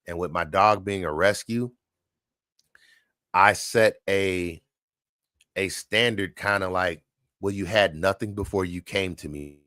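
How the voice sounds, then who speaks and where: Man, very low voice, casual livestream chat, relaxed and repetitive, dry close sound. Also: dry recording. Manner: relaxed, chatty, repeats points. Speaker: livestream host, dog trainer. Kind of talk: casual livestream chat answering viewer questions.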